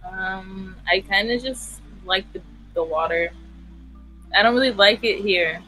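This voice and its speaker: A woman's voice: mid-range voice, measured pace, sharp tone, soft background music, rough recording. A young woman from California chatting casually and hesitantly with a stranger on video chat from her bedroom. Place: bedroom with lights.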